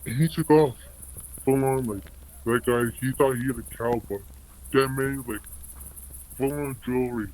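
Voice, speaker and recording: A man's voice: medium pitch, fairly even intonation, unhurried, long pauses, a little mellow, low-quality recording. An anonymous man telling stories in a rambling, casual way, his voice electronically altered to disguise it. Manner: rambling, filler-heavy, many "like"s. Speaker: anonymous storyteller. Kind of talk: casual storytelling.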